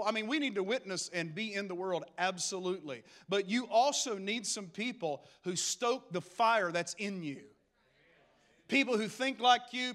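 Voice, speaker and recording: A man preaching a lively, humorous sermon that builds to emphatic calls to action. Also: sits high. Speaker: pastor.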